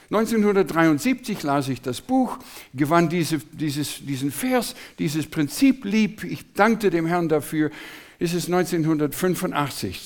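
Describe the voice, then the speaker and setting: A man preaching a sermon, slow and emphatic, with dramatic swings in his delivery. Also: fairly high pitch.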